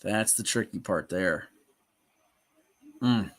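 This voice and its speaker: A man hosting a live sports talk show, calling plays and teasing his co-host, bursting into shouts and laughter. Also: fairly low pitch, slow pace. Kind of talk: live game-watch commentary chat.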